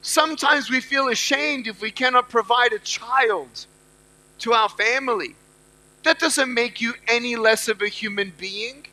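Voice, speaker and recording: A middle-aged motivational speaker addresses students at a university event in a very high-pitched, sharp voice at a measured pace. He speaks emphatically and repeats key phrases, though the audio quality is poor.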